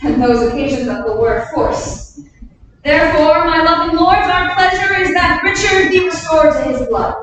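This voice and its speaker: A woman's voice: extremely high pitch, moderate pace, a bit bright. A woman playing a gracious, earnest young English king in a formal Shakespearean staged reading. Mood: gracious, regal. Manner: formal, regal declamation. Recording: echoey hall from far off, faint noise.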